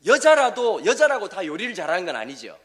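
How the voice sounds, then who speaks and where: A male pastor preaching to church teachers in a humorous sermon, telling stories full of jokes and quick questions to the congregation. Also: sits high. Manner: animated storytelling with jokes and quick asides to the congregation.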